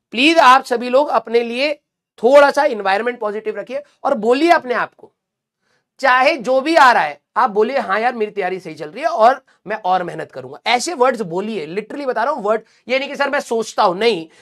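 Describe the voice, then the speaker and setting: A man's voice: extremely high pitch, fairly bright tone. A male teacher giving a blunt, scolding pep talk to exam students in colloquial with English words.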